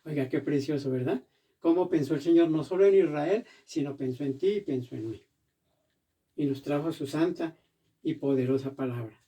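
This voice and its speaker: A man preaching a sermon as pastor in a church, animated and acting out the voices he quotes. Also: on the high side, moderate pace, far from the mic.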